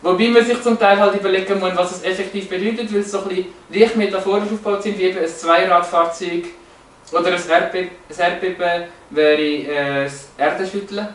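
High-voiced man, echoey lecture room. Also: steady tone, a little fast, a bit bright. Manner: hesitant, many fillers and restarts. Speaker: presenter. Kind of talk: explanatory slide talk. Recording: roomy, echoey, from a distance.

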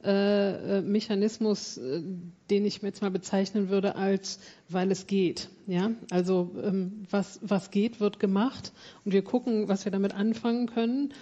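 Reflective woman on a panel; warm tone, dull lo-fi recording. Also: mid-range voice, fairly even intonation, unhurried. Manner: reflective, thinking aloud. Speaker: panel guest. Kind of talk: panel discussion. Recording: dull lo-fi conference audio.

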